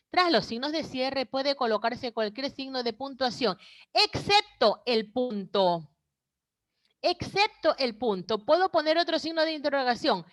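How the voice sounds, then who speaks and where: A woman's voice: fairly high pitch, fairly bright tone. A woman teacher giving an online class over a video call, explaining step by step and checking in with "¿sí?" and "¿no?".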